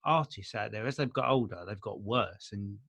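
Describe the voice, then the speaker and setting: A man's voice: on the low side, moderate pace, creaky, a bit bright. A man co-hosting a podcast, chatting in a blokey, sweary, rambling comic way. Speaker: podcast co-host. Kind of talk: casual comedic banter.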